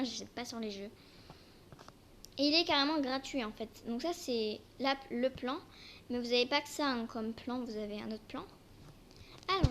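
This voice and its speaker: An amateur video creator, a young woman with a high-pitched, fairly bright voice, shows off a game casually and with some hesitation. Her braces slightly affect her articulation, and the homemade recording carries noise and clicks.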